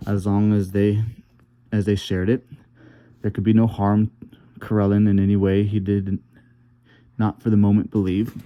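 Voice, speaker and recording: A man reading a novel aloud as an audiobook narrator, steady and unhurried with occasional slips. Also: on the low side.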